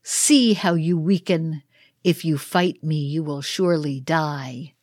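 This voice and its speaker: A woman voicing a cruel, cold dragon of winter in a read-aloud ritual play, slow and threatening. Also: low-pitched, darkish tone, dry recording, studio quality. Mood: menacing.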